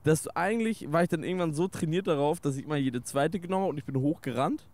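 A young man from Swabia chatting casually as a podcast guest, relaxed and slangy. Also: a little high, fast talker. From Swabia, Germany. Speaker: guest, content creator. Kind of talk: casual chat.

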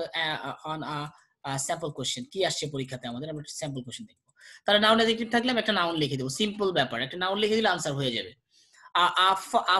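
A young man from Bangladesh teaching an exam-prep grammar lesson, slowing down whenever he reads an example aloud. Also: high-pitched, pushed and bright. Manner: brisk, slows down to read examples aloud. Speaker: English tutor.

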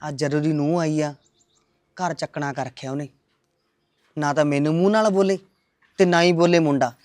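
A man playing a grumbling old village father, suspicious and self-pitying, who talks in a slow, heavy, complaining way. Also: on the high side, fairly even intonation, a little mellow, no echo, close to an everyday voice. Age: older. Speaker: father-in-law.

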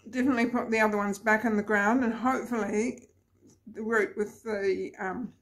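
Chatty woman with a gravelly voice. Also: mid-range voice, fairly even intonation, normal speed. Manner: chatty, rambling, laughs often. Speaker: gardening vlogger. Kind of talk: casual chatty vlog to camera. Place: home garden in hot weather.

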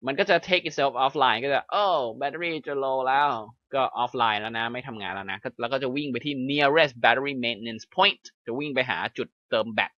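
A man's voice: mid-range voice, dry recording, muffled recording. Thai-accented man teaching English reading. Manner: reads English slowly then explains quickly in Thai. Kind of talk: explaining a reading lesson.

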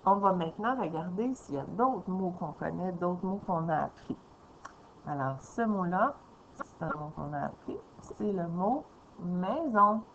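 A woman teacher leading a slow, patient reading lesson for young children, sounding out syllables. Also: fairly low pitch, animated, a bit bright, slight background noise. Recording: slightly dull lo-fi recording.

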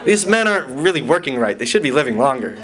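A man's voice: mid-range voice, big pitch swings, fast, a crowd in the background. A man giving a conference lecture from slides, with dry, wry asides, questions to the audience and many fillers and restarts.

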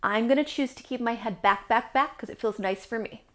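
A woman teaching yoga to young children, playful and silly, with sudden high exclamations. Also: brisk, a bit bright. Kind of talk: guided kids' yoga lesson.

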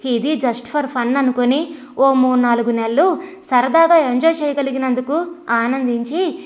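A woman's voice: high voice, a little slow. A woman reading as a glib young male student. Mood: lecturing. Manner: lecturing, talks down.

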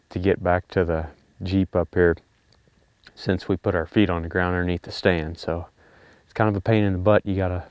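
Young guy talking low and steady outside at night, clean dry sound, laid back. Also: smooth, no echo. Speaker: hunting vlogger. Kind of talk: casual recap to camera. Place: outdoors at night by a vehicle.

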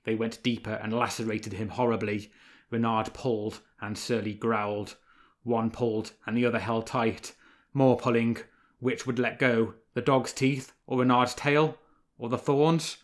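Expressive male storybook narrator. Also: medium pitch, a little slow. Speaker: audiobook narrator.

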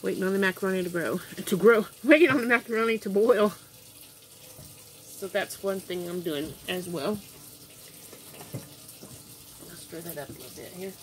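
A woman's voice: medium pitch, moderate pace, pauses often, background noise. An older woman chatting casually as she cooks in her home kitchen, rambling and thinking aloud, sometimes stepping away from the camera mic. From Kansas, USA. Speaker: home cooking vlogger. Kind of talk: casual cooking chat to camera. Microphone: built-in camera mic, moves toward and away. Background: running tap water and kitchen clatter.

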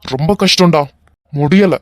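Man voicing fed-up young husband, cartoon, Kanyakumari Tamil accent, scolding, weary, fairly high voice, dry sound. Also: measured pace, no room sound, close to an everyday voice. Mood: distressed. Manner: sharp, scolding, then weary and worried. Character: exasperated young married man, scolding his friend. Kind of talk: animated web cartoon voice acting.

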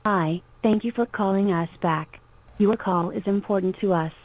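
A woman's prerecorded phone hold message, a scripted automated announcement delivered in an even, polite way. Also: medium pitch, normal speed, no room sound, low-quality recording. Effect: recorded phone hold message. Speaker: phone line greeting voice.

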